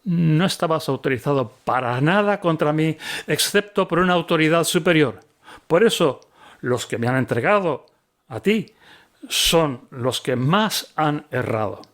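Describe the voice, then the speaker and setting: A man voicing a calm prophet in a Bible reading, speaking in a measured, solemn way. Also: fairly high pitch.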